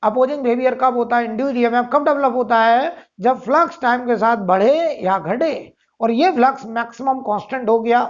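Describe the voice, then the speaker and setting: A man's voice: very high-pitched, a little fast, hardly any pauses. Male physics teacher, lecturing, answers his own questions and repeats phrases; muffled lo-fi recording. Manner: keeps asking and answering rhetorical questions, repeats key phrases. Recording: dull lo-fi sound.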